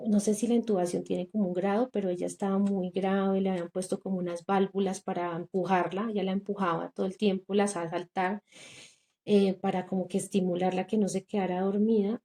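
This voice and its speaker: Her voice is mellow and mid-range, with vocal fry. A young woman from Colombia, appearing as a podcast guest, earnestly shares a painful personal story, performing the voices of people she met and peppering her account with quoted dialogue and fillers.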